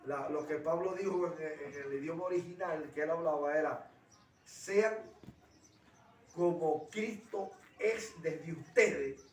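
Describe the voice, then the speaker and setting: A man teaches in a conversational tone, slightly high-pitched for a man. He plays out little dialogues as he explains. His voice sounds a bit distant and echoes around the room. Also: unhurried, slight background noise. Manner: explains by acting out dialogues and anecdotes. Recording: roomy, distant from the mic.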